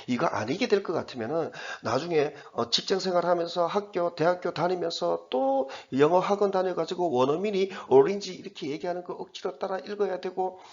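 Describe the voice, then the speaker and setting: Lively gravelly-voiced male English teacher. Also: sits high, highs cut off. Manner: chatty, repeats himself, reads English slowly word by word. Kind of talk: explaining an exam passage.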